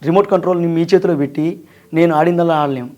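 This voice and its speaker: A man's voice: on the high side, fairly even intonation, a little mellow, lo-fi sound. A man from Andhra Pradesh, a mimicry artist and actor, talking earnestly and emphatically as an interview guest. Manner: earnest, emphatic, sings in a slow drawn-out voice. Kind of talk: interview conversation.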